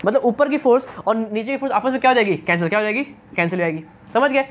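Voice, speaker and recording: A man's voice: extremely high pitch, very fast. A male teacher giving a science lecture, who keeps asking his students questions, answering them himself and checking that they follow. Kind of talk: classroom-style science lecture.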